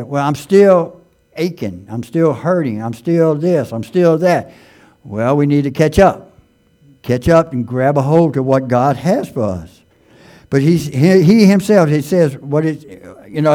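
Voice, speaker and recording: A man with a slightly high voice preaches a sermon. He reads scripture slowly and with emphasis, then questions his listeners. His speech stumbles and restarts often. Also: darkish tone. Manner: stammering, with many restarts and fillers; asks the congregation questions.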